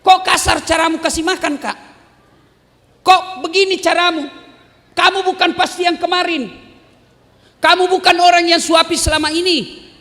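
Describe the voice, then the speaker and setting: A man preaching voices a blind old man in a market who shouts insults and later speaks with regret. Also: very high voice, pitched above the performer's own voice. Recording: reverberant mosque hall over loudspeakers.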